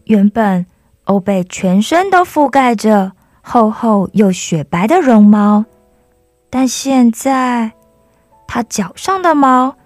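A woman's voice: a little high, a little mellow, no echo. Woman storyteller with a dry, close voice. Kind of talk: storybook reading.

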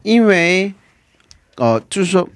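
A man from South Korea with a Korean accent, a foreigner speaking Mandarin, telling his story conversationally and often halting to correct himself. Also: high-pitched, big pitch swings, clear, resonant tone, no room sound. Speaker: interview guest.

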